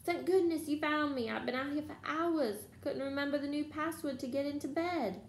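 A timid, helpless young schoolboy from a storybook, put on by a woman narrator. He pleads anxiously in a high voice. The recording is echoey with a faint noise. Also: a little fast. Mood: relieved, anxious.

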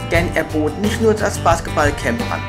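A man's voice: fairly high pitch, animated, moderate pace. A man hosting a local video report, narrating cheerfully and asking interview questions. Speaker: host and interviewer. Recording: music bed behind the voice.

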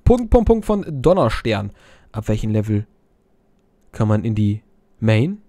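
Animated, crude-joking young man gamer. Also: on the low side, unhurried, no room sound. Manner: crude, joking, swears a lot; reads chat messages aloud in silly voices. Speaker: let's player. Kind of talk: casual game commentary reading viewer chat.

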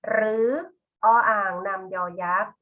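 A middle-aged woman teacher giving a patient, slow classroom lesson, spelling out one example word after another. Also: medium pitch, flat delivery, pushed and bright.

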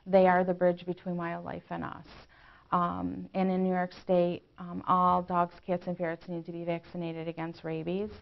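A woman's voice: lowish voice, monotone, normal speed, creaky, highs cut off. A middle-aged woman in her forties answering interview questions off the cuff as a local official, in a small office.

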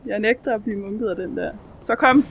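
A woman giving excitable let's play commentary, swearing and shrieking as she plays. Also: medium pitch, gravelly, a little hiss or hum. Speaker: gamer.

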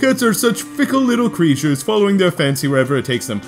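A man's voice: sits high, sing-song, fast talker, soft background music, pitched above the performer's own voice. A man voicing a grateful, sentimental cat owner from a video game in a gushing manner. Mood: relieved, fond.

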